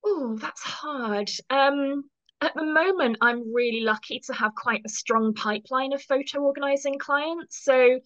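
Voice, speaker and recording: An English woman in her fifties, a professional photo organizer from England, chats casually as an interview guest. Her voice is high-pitched, a little slow and somewhat bright, though the audio sounds dull. She comes across as friendly and self-deprecating, with frequent ums and an English accent.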